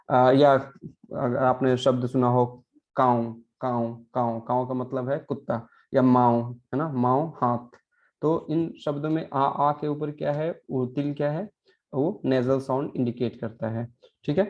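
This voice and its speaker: A male teacher walks his class through pronunciation, repeating each example word slowly and checking that they follow. His voice sits at an ordinary middle pitch. The recording sounds a little dull and lo-fi. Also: a little mellow. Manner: patient, repeats words slowly and adds frequent "है ना" checks. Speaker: Portuguese language teacher.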